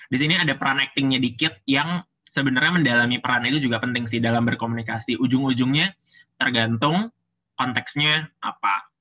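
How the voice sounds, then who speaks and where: A man's voice: mid-range voice, steady tone, fairly quick, bright, forceful tone. A man, a public speaking coach giving a casual, chatty lesson step by step. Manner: chatty, explains step by step with frequent fillers.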